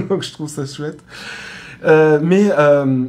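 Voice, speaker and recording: A man's voice: fairly high pitch, slow pace, darkish tone. A man with a French accent in a hotel room, teaching aromatherapy in a casual live stream, chatty, full of fillers and restarts. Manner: chatty, many fillers and restarts, laughs at himself.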